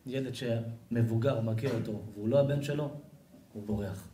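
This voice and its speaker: A man, a rabbi, giving a Torah lesson as an animated storyteller in a lecture hall. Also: medium pitch, slight background noise. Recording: echoey room.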